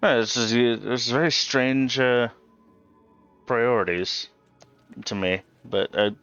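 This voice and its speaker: A man's voice: mid-range voice, slow pace, a bit bright, clean tone, dry recording, lo-fi sound, faint music behind. A man explaining a game to a friend in casual chat, patient and hesitant with many ums, tired after waking very early. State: tired, awake since early morning. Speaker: co-host guiding a friend's game. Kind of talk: casual let's play chat.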